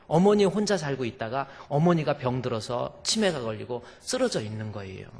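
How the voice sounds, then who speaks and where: Animated Korean pastor preaching in a hall. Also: male voice, medium pitch, creaky. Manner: animated, acts out voices, swings loud and soft. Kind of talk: sermon storytelling.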